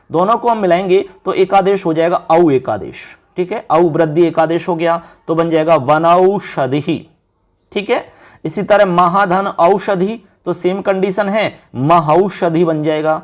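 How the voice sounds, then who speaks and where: High-voiced male teacher explaining step by step. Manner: patient, repeats key answers as questions to the class; drawn-out slow spelling of syllables. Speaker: Sanskrit teacher. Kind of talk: classroom grammar lesson.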